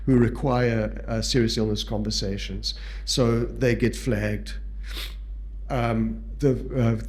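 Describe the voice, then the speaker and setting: His mid-range voice is a little mellow as he presents a palliative care talk at a conference, measured and punctuated by pauses, fillers and restarts. He's from South Africa, speaks with its accent, and Portuguese is his first language.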